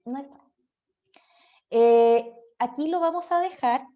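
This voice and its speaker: A woman's voice: high voice, unhurried, dark tone. A woman with a Chilean accent giving a class on speech therapy, chatty and checking in with students through frequent tag questions. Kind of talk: online class lecture. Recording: dull lo-fi audio.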